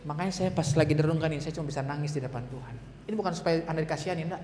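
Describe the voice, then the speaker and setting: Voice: medium pitch, very fast, darkish tone, faint music behind. Urgent preacher in an echoey hall. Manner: direct, urgent and conversational. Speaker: youth fellowship preacher. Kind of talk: sermon. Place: church hall.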